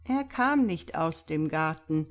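A woman voicing a calm, thoughtful small old priest who speaks quietly and mildly in a read-aloud story. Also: low-pitched, takes it slowly. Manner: quiet, mild, musing.

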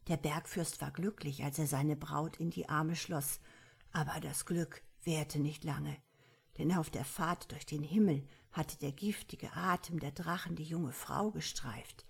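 A woman reads a dark fairy tale aloud as an audiobook narrator. Her voice is low and husky, and she keeps it soft and hushed, often close to a whisper. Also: steady tone, unhurried. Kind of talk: audiobook storytelling.

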